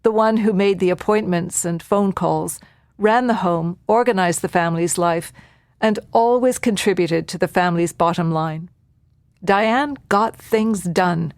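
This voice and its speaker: A woman narrating a documentary at a measured, reflective pace. Her pitch sits in a middle range, and the sound is dry and close to the mic. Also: dry recording.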